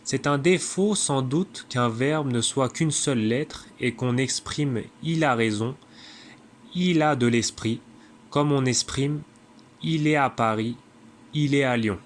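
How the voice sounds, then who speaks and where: A man reading a classic text aloud in a measured way, now and then stumbling and correcting himself. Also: medium pitch, a little hiss or hum. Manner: measured, with occasional slips and self-corrections. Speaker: reader.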